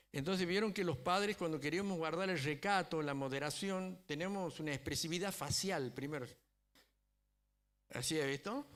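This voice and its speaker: A man's voice: a little high, fairly bright tone. A man preaching a sermon as a pastor, telling a story and often checking in with the congregation. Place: church.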